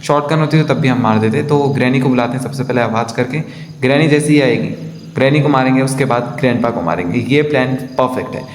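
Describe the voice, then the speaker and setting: A man's voice: medium pitch, fast talker. Chatty man narrating his gameplay, echoey room. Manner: chatty, addresses viewers as guys. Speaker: gaming vlogger. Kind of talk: casual game commentary. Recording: echoey room, faint ambient noise.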